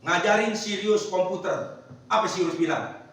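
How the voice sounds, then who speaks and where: Male pastor, casual slangy sermon, high-pitched, very roomy distant church sound. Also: normal speed, fairly bright tone. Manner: casual slangy preaching with call-and-response. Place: church hall. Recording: very echoey church hall, mic at a distance.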